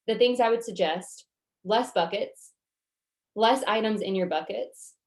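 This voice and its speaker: A woman's voice: medium pitch, a little mellow. Female workshop coach, Southern US accent, mid-range voice, reassuring and conversational, informally guiding participants. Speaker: goal-setting workshop coach. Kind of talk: casual workshop teaching, answering participant questions.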